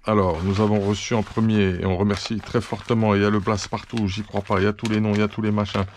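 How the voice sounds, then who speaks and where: A man's voice: lowish voice, little pitch movement, quick pace, a little hiss or hum. A man hosting a hobby channel, chatting through an unboxing, thankful and full of fillers and restarts. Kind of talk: casual unboxing chat.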